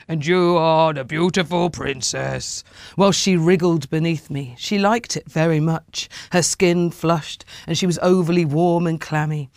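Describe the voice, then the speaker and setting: A woman reading a personal story aloud in a measured, intimate way. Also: lowish voice, no room sound, studio quality.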